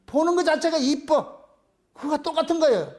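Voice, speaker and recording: A male pastor, preaching a lively sermon and acting out little voices. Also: extremely high pitch, a little fast. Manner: animated, acts out voices, asks the congregation questions.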